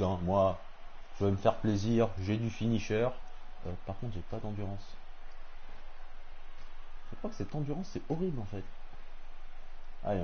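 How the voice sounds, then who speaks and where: A man giving casual live commentary on a wrestling game, talking excitedly to the opponent on screen. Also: mid-range voice, a little hiss or hum. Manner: excitable, talks to the opponent, frequent exclamations. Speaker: gamer streaming a wrestling game. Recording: slightly dull lo-fi stream audio with faint game sound.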